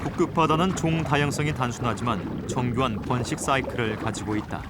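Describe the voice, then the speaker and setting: A man reading scripted nature documentary narration in a measured, formal broadcast style. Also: mid-range voice, very noisy. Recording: loud music bed under voice. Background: prominent background music.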